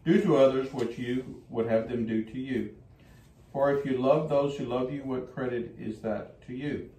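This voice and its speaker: Older priest with an echoey, mellow voice. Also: male voice, mid-range voice. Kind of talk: liturgical gospel reading and homily. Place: small wood-panelled chapel. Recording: echoey room, distant mic, faint noise.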